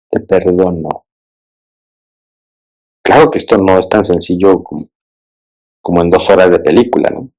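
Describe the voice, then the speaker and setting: Over a low-quality recording, a man with a deep, darkish voice works through a film analysis as a therapist would, pondering aloud. He keeps tossing "¿no?" and "¿sí?" to his listeners to check they're following.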